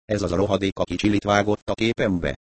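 A man voicing a rough, hot-tempered man who swears and blusters, in an audiobook reading. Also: fairly low pitch, steady tone, no echo, pitched above the performer's own voice, natural voice. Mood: furious.

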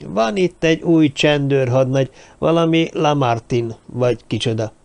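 A man's voice: mid-range voice, vocal fry, darkish tone, lightly acted. A man doing a self-important dwarf gossip. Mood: eager. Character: young dwarf man, know-it-all and gossipy.

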